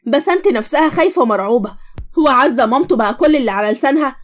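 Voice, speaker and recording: A woman with an Egyptian Arabic accent narrating a story and voicing all of its characters. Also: high voice. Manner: quick, expressive, switches voices between characters.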